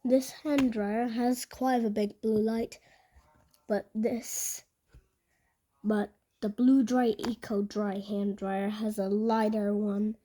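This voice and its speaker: A woman giving casual vlog commentary in a halting, repetitive way, often restating her phrases. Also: mid-range voice, little pitch movement, dark tone. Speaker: video narrator.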